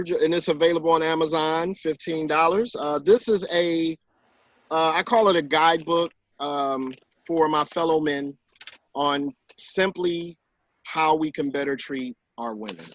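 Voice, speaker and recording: A man in his forties, a guest author in a casual conversation, telling stories and acting out quotes in higher voices. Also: highs cut off. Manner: animated storyteller who acts out quotes in higher voices. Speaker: author and guest on a talk show.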